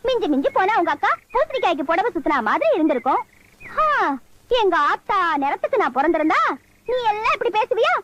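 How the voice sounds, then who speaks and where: A woman's voice: extremely high pitch, sing-song, fast talker, background noise. An actress playing a chatty, nosy village woman who teases a girl and fusses over her family's customs, in a film comedy scene. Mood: teasing. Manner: chatty, mocking banter. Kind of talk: Tamil film comedy acting. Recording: film scene with score behind.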